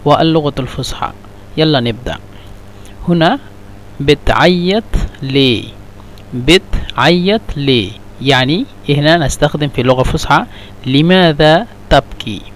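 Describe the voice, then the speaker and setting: A man teaching a casual language lesson, saying each example phrase slowly and repeating it, with English glosses and many hesitant fillers. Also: on the high side. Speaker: Arabic teacher.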